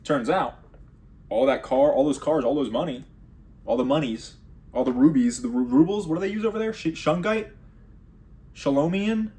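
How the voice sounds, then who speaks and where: A man doing a rambling comedic monologue, sarcastic with deadpan asides. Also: fairly high pitch, normal speed, pauses often.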